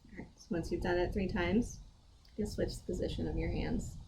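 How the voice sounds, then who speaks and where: A woman wellness instructor leading a guided breathing lesson, candid and gently encouraging, with self-deprecating asides. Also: fairly low pitch, fairly even intonation, a little fast, noisy background.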